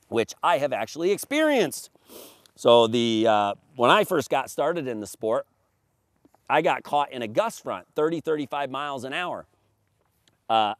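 In a grassy field outside, a man in his forties who builds paramotors pitches his product like a salesman, reading points off a sheet while standing and gesturing. A camera a few meters away records his slightly high voice, and the sound is dry.

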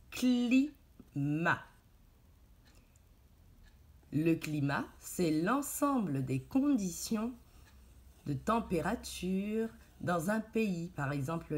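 Slow, patient woman teacher, lively pitch. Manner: slow, patient, articulating each sound for a child to repeat; addresses the child warmly as "tu", praising often. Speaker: primary school teacher. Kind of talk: reading lesson for young children.

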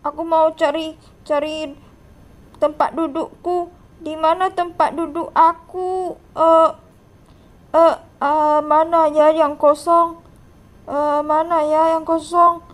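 A woman's voice: extremely high pitch, flat delivery, slow, pauses often. A woman voicing a teased, lonely monster schoolkid with a whiny, plaintive way of talking in a game role-play.

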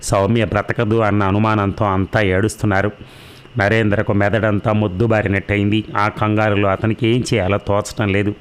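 A man narrating a novel in a steady, measured storybook reading. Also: on the low side, smooth.

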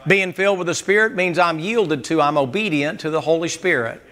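A man's voice: a little high, a little fast, a bit bright. A man preaching a Sunday school sermon in a folksy, joking and emphatic way.

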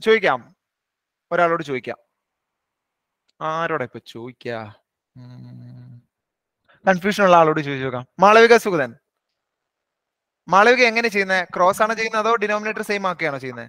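A man teaching an online maths class. His voice is high and bright, and he talks quickly. The sound is close and dry, with no room around it. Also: expressive, clear, resonant tone, dry recording. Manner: brisk, coaxing, teasing students by name. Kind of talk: live online class, questioning students.

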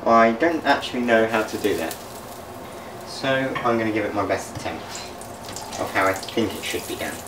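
A young male vlogger cooks in his echoey home kitchen, talking casually to viewers and laughing at his own mistakes as pans clatter faintly. His fairly low voice is expressive and moderately paced. There's background noise.

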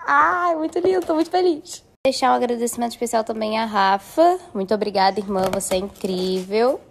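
A woman's voice: on the high side, expressive, fairly quick, vocal fry, a little hiss or hum. Gushing young woman vlogging. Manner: gushing, chatty. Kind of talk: casual phone stories.

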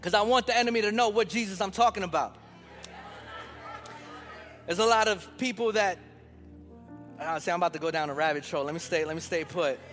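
High-voiced pastor guy preaching hard, telling a family story, faint music behind. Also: fairly quick, long pauses, a bit bright, in a large hall. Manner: emphatic preaching with storytelling asides. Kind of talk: sermon. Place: church sanctuary.

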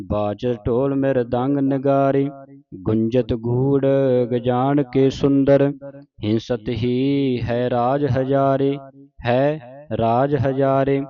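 Man, scripture recitation lesson, flat even pitch, slow measured delivery, corrects pronunciation between verses. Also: lo-fi sound.

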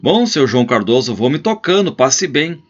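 A man's voice: mid-range voice, big pitch swings, normal speed, pitched above the performer's own voice. A man voicing a courteous male traveler who keeps trying to leave, in a story reading. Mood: politely impatient. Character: polite impatient male traveler, visiting guest. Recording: slightly muffled lo-fi recording.

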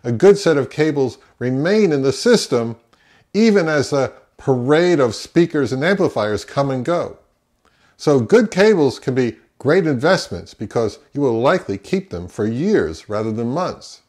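Seated in a small home office, a fifty-something American reviewer and host talks to camera in a semi-scripted review. His mid-range voice is very animated yet a bit slow and somewhat mellow, and he pushes strong opinions while posing and answering his own questions.

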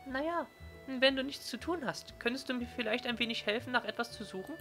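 A man voicing an excitable, secretive young female librarian in a breathy falsetto that often drops to conspiratorial whispers, for a visual novel game. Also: fairly quick, faint music behind, heavily acted. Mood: friendly.

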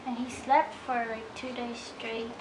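A dog groomer chats casually while working, rambling a little hesitantly in a hands-on vlog. Her voice is a little high and level, unhurried, set against a noisy background of radio music in an indoor grooming room with a metal tub.

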